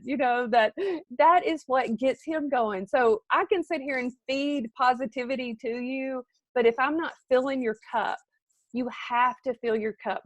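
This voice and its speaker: Lively woman with a drawl. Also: fairly high pitch, no echo. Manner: animated, talks straight to viewers by name. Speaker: team leader. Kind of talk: motivational live video talk.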